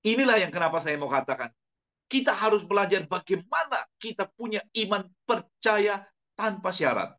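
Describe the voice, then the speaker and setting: A man preaching a sermon, retelling a friend's story and acting out the quotes with shifts in pitch. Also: lively intonation, normal speed, bright, forceful tone.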